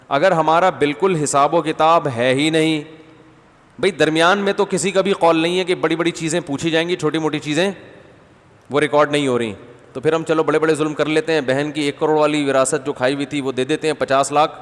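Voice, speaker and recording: A man giving a conversational sermon as a religious scholar, addressing listeners as brother and reciting verses between his points. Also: a little high. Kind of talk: Ramadan sermon after night prayers. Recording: long hall reverb.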